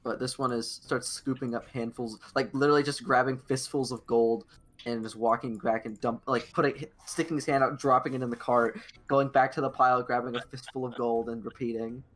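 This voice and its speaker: A man's voice: mid-range voice, steady tone, fairly quick, fairly bright tone. Casual man game master narrating. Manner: casual, rambling description with fillers.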